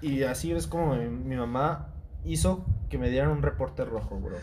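A young man with a Mexican accent, telling an animated, slangy story in casual chat. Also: mid-range voice, moderate pace, a little hiss or hum.

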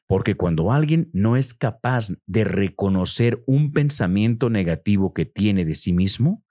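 A man gives a motivational self-help talk as a podcast host. He speaks in an animated way, his pitch swinging widely as he acts out the voices in a listener's head.

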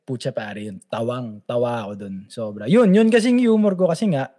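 A man's voice: medium pitch, moderate pace, a crowd in the background. A man in his thirties telling funny stories in a casual podcast chat, laughing often. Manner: animated storyteller, laughs often. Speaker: podcast host.

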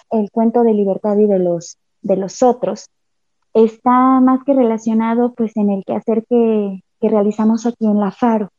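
A woman's voice: on the high side, warm tone, no echo. A woman, a cultural promoter giving a reflective panel answer with frequent restarts over a call. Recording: tinny phone-like line, dry.

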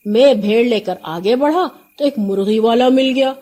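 A woman's voice: a little high, dark tone, lightly acted. A woman voicing an easygoing male peasant who keeps trying to finish his tale. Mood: pleading.

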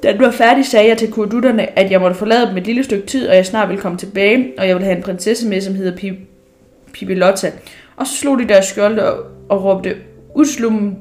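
A woman's voice: medium pitch, darkish tone, lightly acted. A woman reading a storybook aloud, voicing a stout, boastful male sea captain who has become king of an island.

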